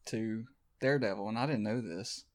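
A man's voice: on the low side, normal speed. A man co-hosting a podcast in casual chat, rambling with lots of fillers and laughing easily. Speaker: podcast co-host.

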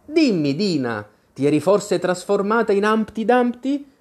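A chatty little girl's voice, pitched well above the reader's own, bubbling and fond as she prattles on. A narrator puts her on in an audiobook, letting the voice rise and fall in a lively, lilting way. It suits a storybook reading. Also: measured pace. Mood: chattering fondly. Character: chatty, imaginative little girl.

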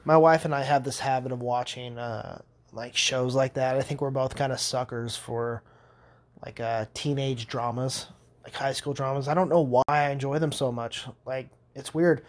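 Give me a young man talking casually on his podcast, loose and rambling, full of swearing and quick laughs. His voice sits at an ordinary middle pitch. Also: fairly even intonation. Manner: rambling, profane, laughing storyteller. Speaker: podcast host. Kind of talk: casual monologue.

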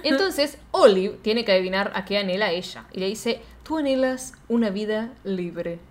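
A woman's voice: mid-range voice, lively intonation, moderate pace. A woman with an Argentine accent retelling a film scene by scene in casual, slangy chat, often laughing. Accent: Argentine Spanish.

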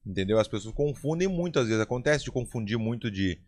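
A man's voice: fairly low pitch, expressive, quick pace, darkish tone. A man hosting a casual podcast, asking questions and chiming in with eager slang. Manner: eager interjections, slang like "irado" and "bah". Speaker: podcast host.

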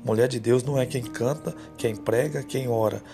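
A male preacher delivers a sermon in a gravelly, mid-pitched voice. He tells a story and then turns to pointed exhortation, with music playing behind him. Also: steady tone, moderate pace.

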